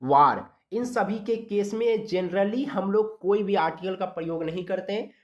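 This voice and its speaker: A teacher from India giving a grammar lesson, explaining rules step by step, sounding letters out slowly and checking in often with the class. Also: medium pitch, dull audio. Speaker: exam-prep English grammar teacher.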